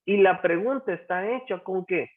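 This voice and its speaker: A man's voice: high voice, normal speed. A male teacher taking an online class through grammar examples, patiently asking questions and repeating the answers. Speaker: English teacher. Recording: tinny phone-like call audio.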